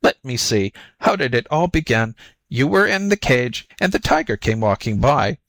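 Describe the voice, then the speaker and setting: A man voicing a sly storybook jackal who acts flustered and slow-witted, fretful and full of exclamations. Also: mid-range voice, sing-song, a bit bright, dry recording. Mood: flustered, feigned distress. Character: sly jackal feigning muddled, whimpering stupidity. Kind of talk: storybook character voice.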